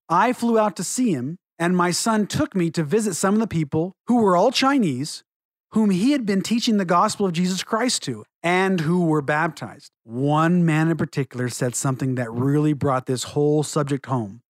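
A middle-aged man giving an earnest religious testimony and teaching, measured and slowing down for emphasis. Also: a little high, expressive, no echo.

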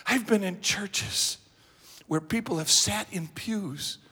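A male preacher telling a story in a sermon, building dramatically into shouted passages. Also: high voice, slow, slightly rough, long reverb tail.

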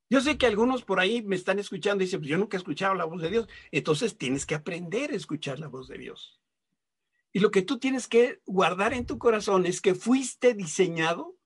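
A man's voice: high voice, husky. A man preaching a sermon, speaking straight to the listener in a folksy, joking way. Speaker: pastor.

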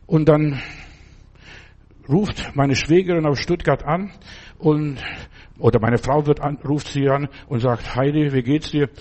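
His voice is on the high side with a darkish tone, and he speaks slowly with long pauses. This preacher's sermon is informal and packed with personal stories, delivered conversationally to the listener as a friend, with repeated "verstehst du?" checks.

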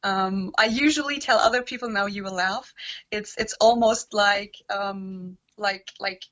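A woman raised in Germany talks about her coaching work in a loose, chatty way, sprinkling "like" through her sentences. Her voice sits at a middle pitch. The recording sounds slightly dull and lo-fi. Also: measured pace, fairly bright tone. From born in Romania, raised in Germany. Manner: chatty, frequent "like" fillers. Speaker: guest, personal development coach. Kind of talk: casual interview chat.

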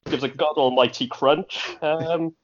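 A man's voice: fairly high pitch, fairly even intonation, measured pace. A man with a Welsh accent co-hosting a casual podcast, easygoing and dry-humoured, speaking from his bedroom. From Wales. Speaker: podcast co-host. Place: bedroom at home. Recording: dull lo-fi home recording.

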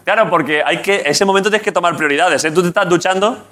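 A man with a Spanish accent hosting a late-night comedy show, joking quickly and tagging his lines with "¿eh?". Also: high-pitched. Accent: Spanish from Spain. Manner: quick, joking, repeats words and tags lines with "¿eh?". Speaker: talk show host. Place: TV studio with live audience. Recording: studio audience, crowd noise. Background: studio audience.

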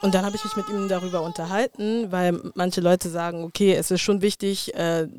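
Co-host, reflective and hesitant, mid pitch, faint hiss behind. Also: steady tone, brisk, darkish tone. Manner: thoughtful, hesitant with fillers. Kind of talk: casual podcast conversation.

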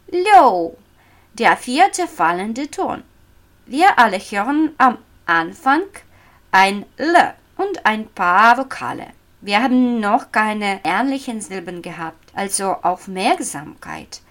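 A woman teaching a language lesson, modelling tones in a slow, sing-song way. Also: medium pitch, very animated, fairly bright tone.

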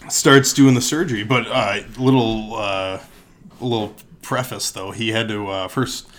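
A man's voice: on the low side, measured pace, fairly bright tone, a little hiss or hum. A man casually improvising a silly story with a friend, rambling with lots of fillers and laughs.

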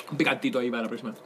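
A young man co-hosting a casual podcast chat, telling animated stories, laughing often and calling his friends bro. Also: medium pitch. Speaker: podcast co-host.

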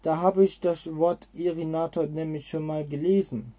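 A man's voice: a little high, steady tone, moderate pace, dark tone, close to an everyday voice. A man reading a storybook aloud and voicing a clever, confident teenage boy detective in a plain reading voice.

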